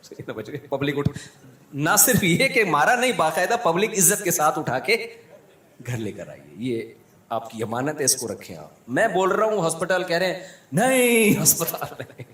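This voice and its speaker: A man with a Pakistani Urdu accent, a religious scholar telling humorous anecdotes in a lively way and acting out the people in them. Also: fairly high pitch, normal speed, echoey room. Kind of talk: humorous storytelling talk.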